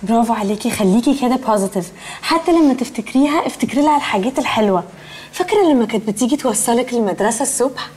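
An actress playing a catty, gushing young socialite with an Egyptian accent and affected English-sprinkled speech in a comedy series. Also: female voice, a little high, lively intonation, racing, darkish tone, slightly rough. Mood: falsely consoling. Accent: Egyptian Arabic. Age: young adult.

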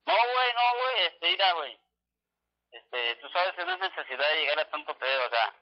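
A man with a northern Mexican accent talks in a fairly quick, lively, somewhat high voice during a slangy, casual phone call, hedging and dodging as he goes. The audio comes through a dull, lo-fi telephone line.

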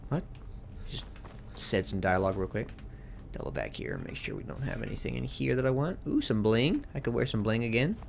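A man's voice: mid-range voice, wildly swooping pitch, fairly quick, gravelly, slight background noise. A man hosting a gaming video with casual, rambling, jokey and slangy commentary.

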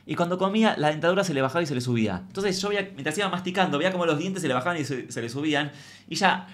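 Fast-talking camp Argentine man. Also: a little high, lively intonation, fairly bright tone. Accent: Argentine Rioplatense. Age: 40s. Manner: camp, theatrical, dramatic asides. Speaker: comedic storyteller in a persona. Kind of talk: comic anecdote monologue.

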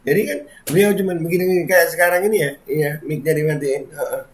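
A man's voice: a little high, fast, a little hiss or hum. Chatty man reacting to comments. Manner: chatty, reads comments aloud and reacts with frequent exclamations. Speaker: online commentator reading viewer comments.

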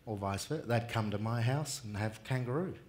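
A middle-aged Australian man speaking at a conference in a large indoor hall, unhurried and plain-spoken with many fillers, on a headset mic. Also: mid-range voice, a little mellow, a little hiss or hum. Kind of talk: relaxed conference talk.

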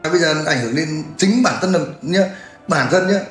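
A man's voice: fairly high pitch, normal speed, fairly bright tone. A man, ranting crudely and mockingly in a livestream. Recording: echoey room with faint music.

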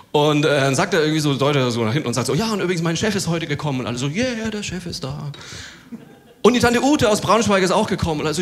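A man doing stand-up comedy in German in front of a live audience, chatty and telling anecdotes. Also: on the high side. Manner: chatty, acts out others' voices in anecdotes. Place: theater stage before a live audience.

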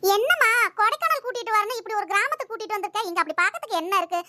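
A woman voicing an excitable young schoolgirl in a cartoon, pleading and whining in a childlike way. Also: extremely high pitch, rapid-fire, no echo, clean studio sound, full character voice. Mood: complaining. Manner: pleading, whining, then gushing. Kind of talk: cartoon voice acting.

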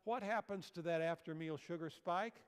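The hall's long reverb trails after a fairly high, smooth voice speaking at a moderate pace. It belongs to an older man lecturing at a health seminar on a church auditorium stage, who explains slides and quizzes the audience.

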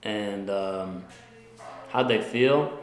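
A man's voice: on the low side, drawn-out words, roomy sound. A man in his twenties from Montana, answering interview questions casually with many fillers and restarts. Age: 20s. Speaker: guest. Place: lounge room indoors.

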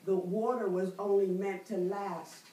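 Her voice is medium-pitched, level, and mellow: a middle-aged woman preacher leading a Bible study with call-and-response and drawn-out emphasis on key words. She is recorded from far off by a camera with no mic, in an echoey church library room full of bookshelves.

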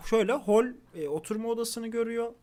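A young man from Turkey, a streamer, casually telling stories to his chat, animated and swearing freely. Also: very high-pitched, quick pace.

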